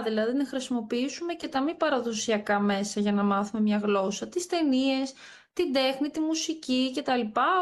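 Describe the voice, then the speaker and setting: High-pitched woman, neurologist guest, explains things step by step. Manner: explains step by step, precise and methodical. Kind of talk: explanatory interview talk.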